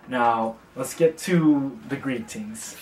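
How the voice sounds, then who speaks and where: A young man from China gives a relaxed, chatty beginner language lesson, using fillers and slowly, carefully repeating the example words. He's a young adult with a medium-pitched voice, captured on a roomy, distant mic.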